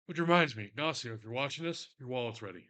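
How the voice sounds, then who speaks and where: A man's voice: mid-range voice, lively intonation, fast, sharp tone. A man with a Texan accent chatting casually while he sews leather on a stream, rambling, swearing freely and poking fun at himself. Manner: rambling, profane, self-mocking. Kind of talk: casual crafting stream chat.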